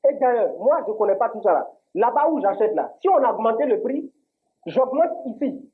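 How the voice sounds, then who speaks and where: A man's voice: extremely high pitch, very animated, moderate pace. A man with an Ivorian French accent playing a stubborn shopkeeper in a comedy sketch, defensive. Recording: tinny lo-fi audio.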